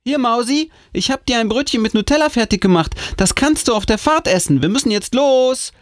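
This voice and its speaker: A man voicing a bossy, hurried middle-aged mother in a spooky audiobook, scolding and pushy. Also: extremely high pitch, expressive, dry recording, clean studio sound, pitched above the performer's own voice.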